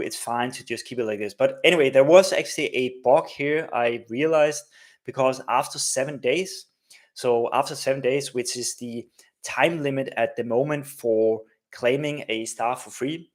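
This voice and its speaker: Chatty man hosting a live stream. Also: mid-range voice. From Denmark. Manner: chatty, many fillers and tag questions. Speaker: host of a live coding stream. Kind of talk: casual live-stream walkthrough.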